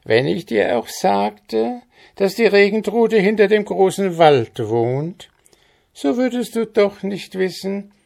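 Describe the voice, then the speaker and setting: A man's voice: sits high, animated, slow, gravelly, darkish tone, pitched above the performer's own voice, heavily acted. A man voicing a small, spiteful male goblin with a quacking, squawky voice and a mocking, sing-song way of talking in an audiobook. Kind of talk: audiobook character voice.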